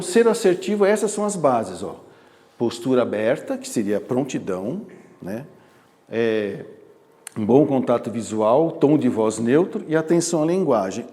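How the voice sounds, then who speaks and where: Brazilian male lecturer, animated, mellow voice, reverberant hall sound. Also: on the high side. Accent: Brazilian Portuguese. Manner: animated, acts out quoted examples. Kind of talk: motivational lecture. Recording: echoey hall.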